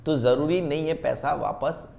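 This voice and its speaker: A man teaching a class, reading English terms out slowly and checking that his students follow, calling them beta. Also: fairly high pitch, creaky, a little mellow, highs cut off. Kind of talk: class lecture.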